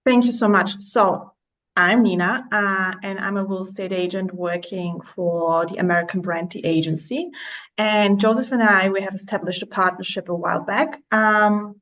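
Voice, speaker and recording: A woman's voice: mid-range voice, steady tone, normal speed, fairly bright tone, muffled recording. Chatty woman estate agent from Slovakia, casual interview talk, frequent fillers and self-corrections. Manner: chatty, many fillers and restarts.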